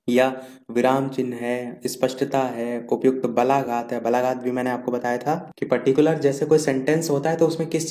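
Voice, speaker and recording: A man's voice: medium pitch, darkish tone. A man teaching an exam revision lesson, steadily listing and explaining points one after another while scrolling through notes. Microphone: screen-recorded voice-over. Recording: echoey room.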